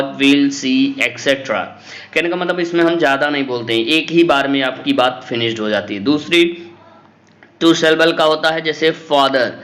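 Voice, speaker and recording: A man takes a class through a textbook chapter, reading each English line aloud and then unpacking it in Hindi. He speaks slowly and deliberately, in a fairly high voice. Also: pushed and bright. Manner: slow, explains each point in Hindi after reading English lines. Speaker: English teacher. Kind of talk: textbook lesson explanation.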